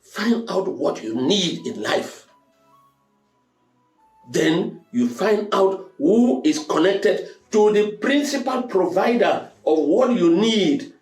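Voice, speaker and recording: A motivational talk show host addresses his audience in an emphatic, preacherly monologue, repeating phrases to hammer points home. His voice sits high and sounds darkish, with lively intonation and a slow pace. Music plays beneath a roomy echo.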